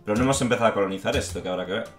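Talking very fast in a fairly low voice, the same kind of Spain-Spanish gaming YouTuber commentates his strategy game, fed up and frustrated, cursing often and repeating "tío." The sound is reverberant, with faint music behind him.

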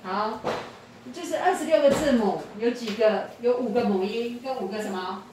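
At a moderate pace and with a dark tone to her rather high voice, a female English teacher quizzes her pupils in class, patiently going over prompts again and again. The audio sounds distant and echoey, with a little faint noise.

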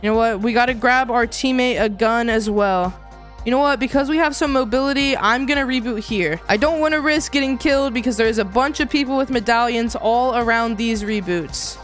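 A woman giving excited gameplay commentary in a hyped, slangy gamer-bro manner. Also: on the high side, moderate pace, faint music behind. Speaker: gamer, video host.

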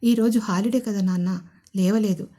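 A woman voicing a gentle middle-aged father who speaks fondly of his wife. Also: mid-range voice, fairly even intonation, normal speed, close to an everyday voice. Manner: gentle, fond.

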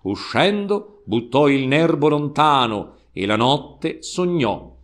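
Middle-aged male narrator, live novel reading, slow and animated. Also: on the high side. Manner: expressive storytelling.

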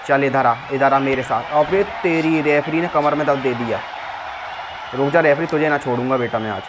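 A man's voice: mid-range voice, normal speed. A man giving casual, rowdy commentary on a wrestling video game, mocking the wrestlers and the referee as he plays. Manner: rowdy trash-talking, mocks the figures on screen. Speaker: gameplay commentator. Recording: game crowd roar and game noise behind. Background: wrestling game crowd and sound effects.

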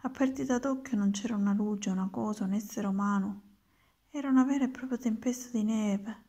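Husky woman reading a storybook. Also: mid-range voice, a little fast, warm tone. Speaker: reader.

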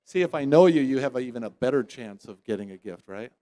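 A man's voice: mid-range voice, fast, dry recording. A man hosting a prize giveaway at a trade show lounge, teasing winners and joking in a playful emcee patter. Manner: teasing, playful, loud bursts of excitement. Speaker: host drawing prize winners.

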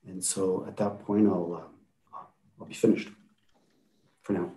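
A man presenting slides to a panel over a video call, speaking haltingly with many repeated words and fillers. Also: sits low, flat delivery, warm tone.

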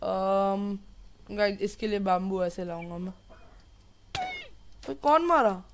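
A man's voice: high-pitched, expressive, slow pace, a little hiss or hum. A man giving casual gameplay commentary, chatty and apologetic, mixing English words into his talk. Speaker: gameplay youtuber.

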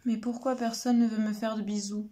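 A woman voicing a sad little hedgehog in a storybook, pleading softly. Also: on the high side, flat delivery, fairly quick, natural voice. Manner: pleading, soft.

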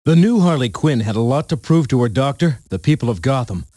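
A man's voice: mid-range voice, animated, brisk, mellow, no echo, studio quality. A man narrating a storybook game in a playful, punning storyteller manner.

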